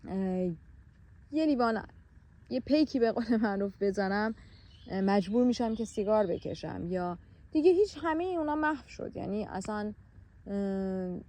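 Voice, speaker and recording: A woman talking to camera outdoors in a forest about a personal experience, in a gentle, soothing way with many hesitant pauses and filler sounds. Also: mid-range voice. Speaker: vlogger sharing a personal experience. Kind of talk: reflective personal talk to camera.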